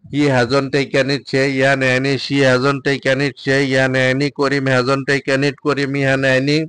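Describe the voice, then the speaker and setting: A man, a Bengali speaker, teaching English drills by reading each sentence slowly and then translating it. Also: mid-range voice, completely flat delivery, a bit bright, clean tone, no echo. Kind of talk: spoken English drill lesson.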